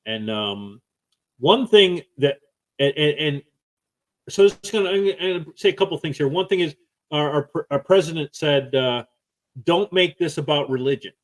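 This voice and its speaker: A man co-hosting a live-stream podcast, talking forcefully with restarts and repeated points. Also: on the high side, expressive, moderate pace. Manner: forceful, repetitive, stop-start. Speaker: podcast co-host. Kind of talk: casual live-stream talk.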